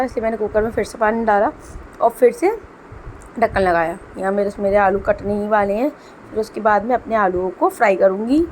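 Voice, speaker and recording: A young homemaker woman talks through her day in the kitchen in a homely, chatty voice-over. Her voice sits at a middle pitch, and faint room ambience hums behind her. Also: darkish tone, a little hiss or hum, poor audio. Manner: chatty, homely, explains as she goes. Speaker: homemaker vlogger. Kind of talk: casual cooking vlog voice-over.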